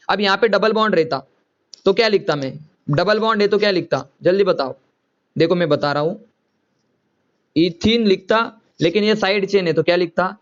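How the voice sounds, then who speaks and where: A man's voice: sits high, highs cut off. A man teaching a chemistry lecture to students, often repeating himself and coaxing them to answer. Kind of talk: classroom lecture.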